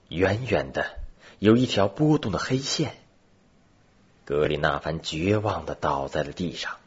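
Very deep, husky male storyteller. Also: dull audio. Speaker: narrator. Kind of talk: storybook narration.

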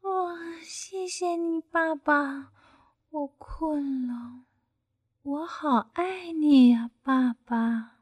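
Storybook duckling chick, tiny and adoring, high drawn-out calls, as a woman puts it on. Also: bright, forceful tone, no room sound, exaggerated voice. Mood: sweet pleading. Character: baby duckling, clingy and sweet.

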